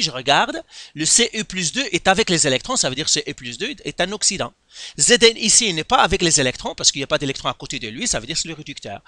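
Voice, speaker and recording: A man's voice: on the high side, bright, forceful tone, dry recording. A man teaching a chemistry lesson in Quebec French, working through an exercise step by step and asking himself questions. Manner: explains step by step, with many rhetorical questions. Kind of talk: lesson explaining a worked exercise.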